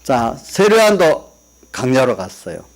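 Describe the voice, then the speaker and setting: Very animated but a little slow, a medium-pitched pastor delivers a sermon in his church sanctuary. He poses questions to the congregation and relaxes into personal family stories, quoting family members as he goes.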